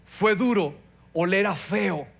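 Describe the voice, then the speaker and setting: A middle-aged man preaching a sermon, passionate, swinging between loud pleading and quiet moments. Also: high voice, slow pace, gravelly, slightly rough. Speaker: pastor.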